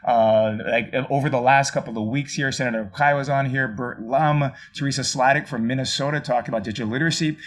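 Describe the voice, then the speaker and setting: A man hosting a casual live stream from his home office, chatty and rambling, laughing often. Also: mid-range voice. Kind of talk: casual chat.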